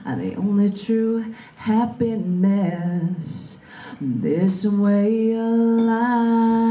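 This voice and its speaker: At an open mic in a large indoor bookstore, a woman with a lowish, dark voice performs her own poetry in spoken-word style. Her delivery is emphatic, declamatory and rhythmically repetitive, captured in a roomy, echoing live recording.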